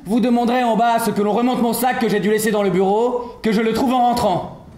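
An actor playing a lecherous older military doctor husband who talks overfamiliarly and teasingly. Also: male voice, extremely high pitch, steady tone, fast, darkish tone. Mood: leering. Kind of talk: stage play acting. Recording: echoey theater stage recording.

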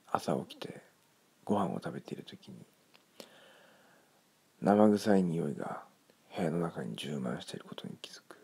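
A man reading a ghost story in a hushed, creepy manner, his gravelly, breathy voice often close to a whisper. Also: low voice.

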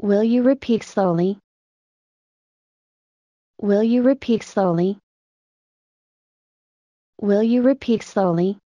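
Slow, dry-voiced woman reading drills. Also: medium pitch, dark tone, no room sound, highs cut off. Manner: plain, evenly paced model reading. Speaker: English phrase reader. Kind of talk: slow repeated phrase drills.

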